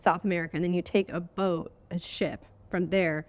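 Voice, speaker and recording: A woman's voice: on the low side, steady tone, normal speed. A woman co-hosting a casual podcast, curious and asking questions. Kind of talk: casual chat.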